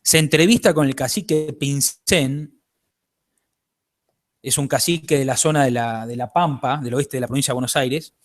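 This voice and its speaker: Speaking at a moderate pace in a mid-range voice, this Argentine-accented man is an author being interviewed. His long, explanatory answers have a lecturing feel, punctuated by "¿bien?" to make sure the listener is following.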